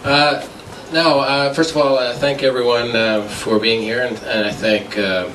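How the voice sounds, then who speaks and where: A man getting over the flu, giving a halting debate speech full of filler sounds, picked up by a distant mic in an echoey hall. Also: mid-range voice, steady tone, a bit bright, slight background noise. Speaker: debater for a republic.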